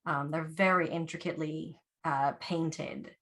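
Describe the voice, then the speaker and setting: A woman's voice: deep voice, fairly even intonation, unhurried, a bit bright. A woman and yarn dyer chatting casually as a guest on a video call, laughing often.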